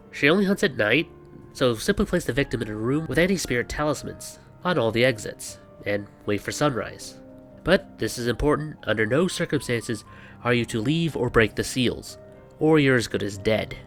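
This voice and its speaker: A video host with a mid-pitched, fairly bright voice and lively intonation moves at a moderate pace through a scripted explainer with banter. He comes across wry and sarcastic, slipping in exasperated asides. Light music plays behind him.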